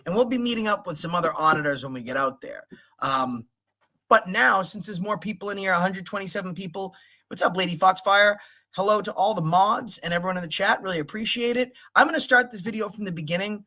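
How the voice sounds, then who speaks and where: A man's voice: sits high, fast, sharp tone. A man hosting a livestream, indignantly commenting on footage and talking directly to his chat. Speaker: livestream host.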